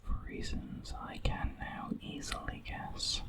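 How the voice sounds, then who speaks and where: Someone reading a horror story in an ASMR whisper, very close to the microphone, right in the listener's ear, with measured pauses.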